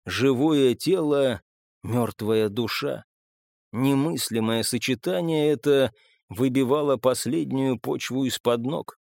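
A man's voice: mid-range voice, gravelly, darkish tone, no echo. Dry-voiced male audiobook narrator. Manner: measured and dramatic.

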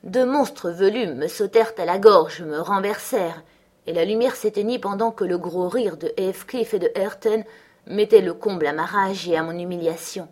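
A woman reading a novel aloud as an audiobook narrator, in measured, steady narration. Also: mid-range voice.

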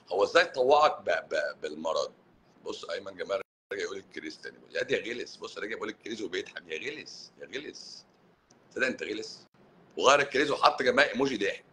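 This man's voice sits lowish and sharp, with a bit of background noise behind it. He's an Egyptian doctor running a live stream, reading out viewer comments and firing back teasing, sarcastic replies in his Egyptian Arabic accent.

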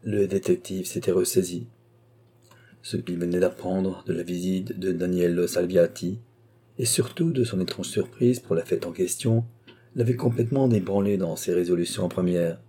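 A man narrating a novel in a steady, measured audiobook reading. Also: deep voice, slightly rough.

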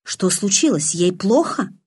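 An amused teenage boy with a calm, mocking edge, read by a woman narrating a novel. The voice is airy and husky at mid pitch. The story is told as an audiobook. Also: a little slow, no room sound, studio quality, exaggerated voice. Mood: teasing.

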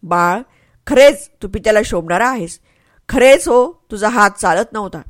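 A woman's voice: medium pitch, animated, moderate pace, dry recording, natural voice. A woman voicing a mighty older male warrior and father, taunting and mocking in his speech. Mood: grieving.

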